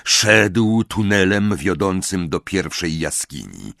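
A man narrating an audiobook in a measured, dramatic storytelling manner. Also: sits low, sing-song, creaky, a bit bright, no room sound, clean studio sound.

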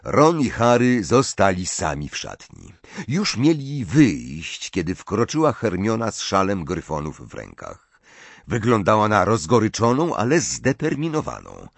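A man narrating an audiobook in an expressive, lively reading. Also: fairly low pitch, unhurried, vocal fry, no room sound. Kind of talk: scripted narration.

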